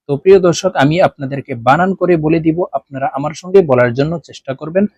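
A man teaching Quran reading in an online lesson, spelling letters out slowly and chanting the words drawn out, then explaining pronunciation rules in quick plain talk. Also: on the high side, a little mellow, slightly rough, no room sound.

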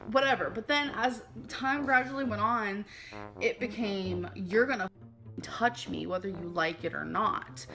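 A woman's voice: a little high, fairly bright tone. Rambling woman livestreamer. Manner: rambling, heavy use of filler "like". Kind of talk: casual livestream talk.

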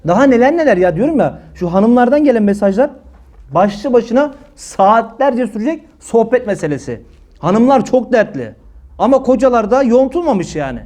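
Male preacher, high voice, scolding and emphatic, religious talk. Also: darkish tone. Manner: scolding, emphatic, rhetorical questions.

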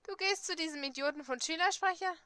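A woman's voice: extremely high pitch, fast, bright, forceful tone, no room sound, pitched above the performer's own voice. A woman voicing a cocky, brusque teenage boy from a dating game, teasing and curt.

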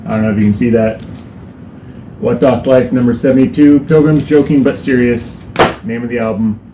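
A man's voice: mid-range voice, normal speed, warm tone, echoey room, a little hiss or hum, low-quality recording. A man giving a casual band update, rambling with many fillers and a dry, self-mocking sarcasm. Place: indoors on a hot day. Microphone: no lapel mic, camera mic.

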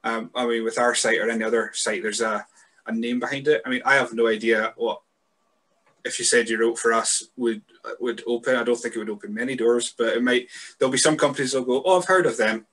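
A man's voice: mid-range voice, fairly even intonation, fairly quick, fairly bright tone. A man in his thirties with a Scottish accent, hosting a podcast interview over a video call, chatty and rambling in his questions. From Scotland. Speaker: podcast host. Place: room indoors. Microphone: headset mic.

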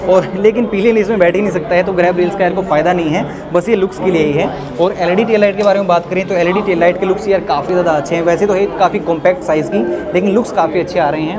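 Fast-talking Indian man reviewing a bike. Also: high voice. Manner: chatty, peppers talk with "yaar". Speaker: motovlogger. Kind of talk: casual bike review walkaround. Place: outdoors in a busy urban spot. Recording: noisy outdoor crowd background. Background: crowd and street bustle.

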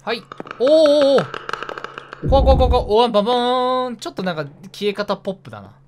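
Over some background noise, a man with an extremely high, lively voice streams a horror game. He chats to himself narrating what he does, and he's jumpy, yelping and blurting quick, repeated startled cries.

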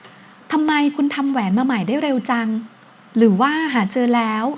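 A woman's voice: high-pitched, normal speed, breathy edge. A woman voicing a sulky, teasing young wife who speaks in a pouting, reproachful way in an audio novel, in a dull lo-fi recording.

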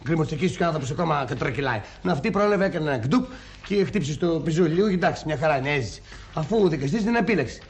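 A hot-headed village husband who grumbles, mocks and shouts insults in a fairly high voice. Faint background noise sits behind him. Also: male voice, expressive. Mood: grumbling. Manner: ranting, sarcastic, yelling insults.

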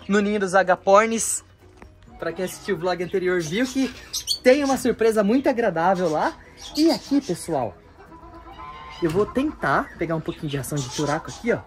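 A man hosting a casual vlog as he tours his bird enclosures outdoors, chatting to viewers and cooing at the birds in baby talk. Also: sits high. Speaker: bird keeper and vlog host.

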